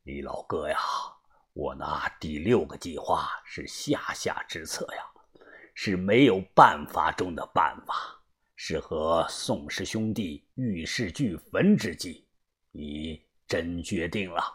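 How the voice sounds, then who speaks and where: A man voicing a cautious, weary older crew leader who speaks low, hushed and slow. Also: animated, breathy edge, full character voice. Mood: grave.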